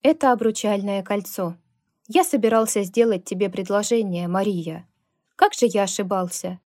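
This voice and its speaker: A woman's voice: mid-range voice, normal speed, darkish tone, dry recording, studio quality, close to an everyday voice. A woman reading a storybook, voicing a rude and bitter young man who sneers and spits venom. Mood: venomous. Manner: sneering, spiteful.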